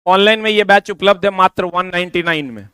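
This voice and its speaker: High, smooth-voiced male teacher. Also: brisk, sharp tone, no room sound. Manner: informal, repetitive, addresses students directly. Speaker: coaching teacher. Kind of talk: promotional explanation to exam students.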